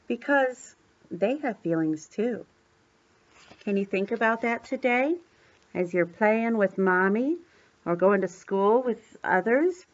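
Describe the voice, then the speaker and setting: Grandmother reading a picture book aloud. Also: medium pitch. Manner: gentle, coaxing, asks the child questions. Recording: dull lo-fi home recording.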